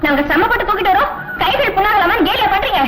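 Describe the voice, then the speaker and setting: A woman's voice: very high voice, animated, rapid-fire, rough recording. An actress playing an indignant young woman who scolds a man sharply, in film dialogue. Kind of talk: 1980s Tamil film dialogue.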